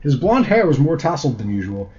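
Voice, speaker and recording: A man's voice: on the high side, very animated, brisk, warm tone. A man co-hosting a comedy podcast, chatting casually with rambling jokes and many fillers, and reading a story aloud. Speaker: podcast co-host. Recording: dull lo-fi recording.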